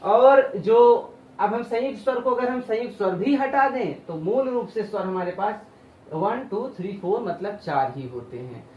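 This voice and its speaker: A man's voice: sits high, expressive, moderate pace, distant mic. A man teaching, holding vowels out long to demonstrate and asking questions he answers himself. He sits well back from the microphone in a roomy, echoing space. The sound is dull, with a faint hiss underneath. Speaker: Hindi teacher. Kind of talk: classroom lecture.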